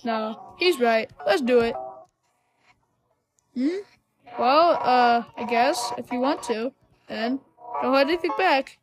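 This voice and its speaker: A woman's voice: on the high side, takes it slowly, long pauses, poor audio. A woman voicing a shy, nerdy female lizard scientist who talks hesitantly with stammers. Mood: timid.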